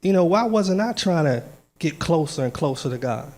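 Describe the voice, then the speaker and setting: A man's voice: on the high side, animated, normal speed, a little mellow. Earnest man giving a church testimony. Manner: casual, earnest, laughs often; nervous at first, then firm and declaring. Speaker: lay speaker giving testimony. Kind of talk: church testimony and short sermon.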